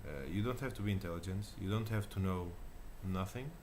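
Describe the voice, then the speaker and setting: Hesitant Portuguese-accented man, deep voice. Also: brisk, darkish tone, a little hiss or hum. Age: 30s. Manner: hesitant, many fillers and restarts. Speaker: channel host. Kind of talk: casual self-recorded talk. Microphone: camera mic.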